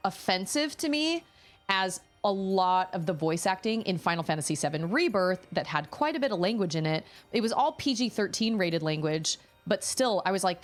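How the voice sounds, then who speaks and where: An adult woman who is a parent streams herself playing a game live at home, chatting casually in a lowish voice. She thinks aloud and often restarts her sentences.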